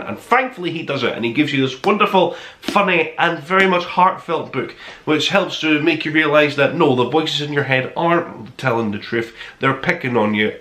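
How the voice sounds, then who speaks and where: A review-podcast host gives listeners a top-five monologue, talking conversationally with emphatic enthusiasm. His fairly high, bright voice has a forceful tone and echoes in the room.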